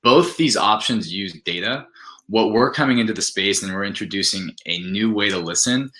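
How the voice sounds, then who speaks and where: As an interview guest, a man with a low, pushed, bright voice explains his product with enthusiasm. He keeps things conversational and lays out his points one at a time.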